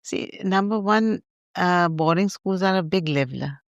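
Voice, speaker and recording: A woman's voice: lowish voice, unhurried, smooth, no echo, highs cut off. An older woman with an Indian accent, answering as an interview guest in an emphatic, plain-spoken manner.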